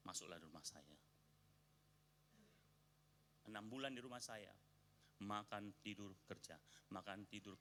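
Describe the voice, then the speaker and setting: A man with a clear, bright, forward voice preaches in a church, speaking with an Indonesian accent. He tells a personal story and acts out the quoted arguments in it, growing louder as he stresses his point. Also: medium pitch. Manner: storytelling, acting out quoted arguments with rising emphasis. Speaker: pastor. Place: church sanctuary.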